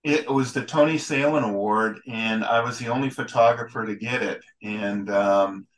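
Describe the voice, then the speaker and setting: A man with a lowish voice talks casually as a podcast guest, rambling along and restarting his sentences often. He sounds relaxed and conversational, answering questions at length. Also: low-quality recording. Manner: rambling, halting, with many restarts. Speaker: guest, ballpark photographer and historian. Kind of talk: casual interview talk.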